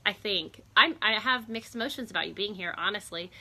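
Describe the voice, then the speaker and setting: Bright-voiced chatty woman outdoors. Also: mid-range voice, brisk. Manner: chatty, greets viewers by name, laughs often. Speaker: host of a live stream. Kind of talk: casual live-stream chat. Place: outdoors on a porch.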